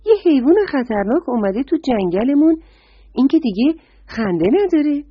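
A woman's voice: fairly low pitch, very animated, slightly rough, dry recording, full character voice. A woman voicing a lady deer in a storybook tale, talking in an indignant, scolding way, on a dull lo-fi recording. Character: upset lady deer of the forest.

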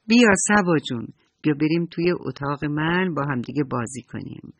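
A man voicing an earnest young girl in a children's story, speaking softly and sincerely. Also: a little high, lively intonation, husky, no echo. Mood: eager. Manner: earnest, soft.

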